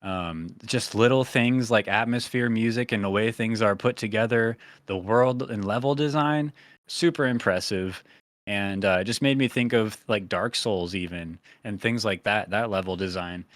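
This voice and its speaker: A man hosting a podcast in casual chat, rambling with lots of fillers and getting animated when he tells a story. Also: lowish voice, normal speed, dry recording, clean studio sound. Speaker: podcast host.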